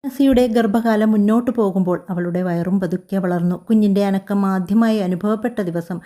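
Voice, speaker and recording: A woman narrating a scripted story in an even, measured way. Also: mid-range voice.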